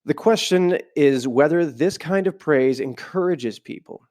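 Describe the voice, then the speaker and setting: A man with a slightly high, slightly slow, somewhat mellow voice hosts a podcast, sounding stuffy from a cold. At home rather than in a studio, he reads aloud from a book and keeps breaking off into loose, casual side remarks.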